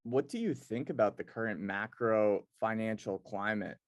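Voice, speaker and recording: A man's voice: fairly low pitch, moderate pace, no room sound, studio quality. A man hosting a casual interview, speaking in an informal, wordy, loosely phrased way. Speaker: interview show host.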